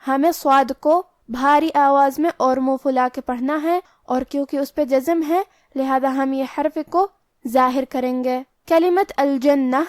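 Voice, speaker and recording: A woman with a high voice explains recitation rules slowly and carefully, one point at a time. The recording is dry and close, with no room sound. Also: a little mellow, no echo. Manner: slow, careful, step-by-step explanation of pronunciation rules. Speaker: Quran recitation teacher. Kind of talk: tajweed lesson.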